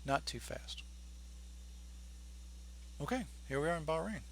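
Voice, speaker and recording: A man's voice: on the high side, expressive, measured pace, fairly bright tone. Man casually narrating a flight sim, faint hum. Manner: informal, thinking aloud while flying. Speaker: flight simulator streamer acting as pilot. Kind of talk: casual running commentary on a simulated flight.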